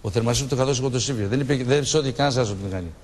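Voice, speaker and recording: A man's voice: mid-range voice, a little mellow, in a large hall. A man in his sixties, a shipwreck survivor, telling his story in a TV studio interview and acting out the dialogue he remembers. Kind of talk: emotional recollection in a TV studio interview.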